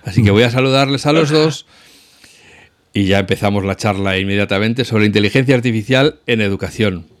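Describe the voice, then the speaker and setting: A man's voice: fairly low pitch, fairly quick. A man hosting a podcast, opening the show in a jokey, wordy way. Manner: jokey, wordy, playful introductions. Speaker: podcast host. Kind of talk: casual show intro.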